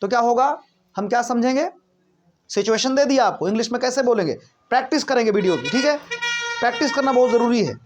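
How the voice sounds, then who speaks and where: A man's voice: very high-pitched, animated, fast, slight background noise. A man teaching a spoken English lesson, asking questions and answering them himself, often checking that listeners are following. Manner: explains by asking and answering his own questions; repeats points, checks in with listeners.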